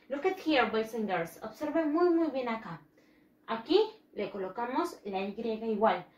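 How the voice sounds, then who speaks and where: Slow, patient woman teacher in an echoey room. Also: medium pitch, fairly bright tone. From Latin America. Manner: slow, patient, repeats each word with emphasis. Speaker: English teacher for young children. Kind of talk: bilingual classroom lesson, drilling pronunciation.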